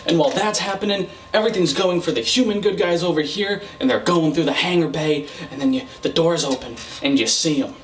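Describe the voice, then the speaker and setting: A man with a fairly high voice delivers a casual, comedic review rant. His manner is sarcastic and irreverent, with plenty of swearing. He sounds set back from the mic in a roomy space with echo. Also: brisk, hardly any pauses. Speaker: video reviewer, host. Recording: roomy, distant mic, faint noise.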